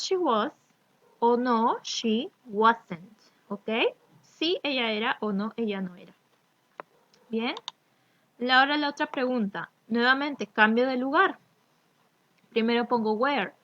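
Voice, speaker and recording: Patient teacher, slow careful examples. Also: female voice, fairly high pitch, a bit bright, a little hiss or hum. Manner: reads English examples slowly and carefully, then explains in Spanish; checks often with "¿ok?" and "¿ya?". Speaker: English teacher; addresses students as chicos. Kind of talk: recorded remote lesson explaining grammar. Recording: dry, slightly dull recording.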